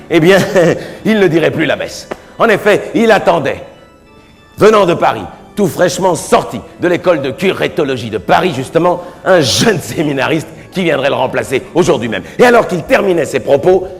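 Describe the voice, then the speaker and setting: A male stand-up comedian telling a theatrical story on stage, lively and now and then shouting for effect. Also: on the high side, normal speed, creaky. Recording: live theater hall with reverb and music.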